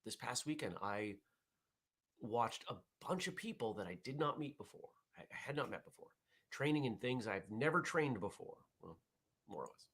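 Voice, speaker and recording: At normal speed, a man with a medium-pitched, expressive voice, fairly bright and slightly rough, chats casually on his live martial arts morning show. He wanders, restarts sentences to correct himself, and reads viewers' chat out loud.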